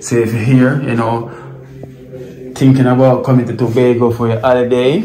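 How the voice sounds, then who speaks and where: A vlogger casually shows his viewers around a guest villa, addressing them as "guys" in a relaxed way and repeating himself. His voice sits in the mid range at a moderate pace. The audio is poor, with faint music in the background.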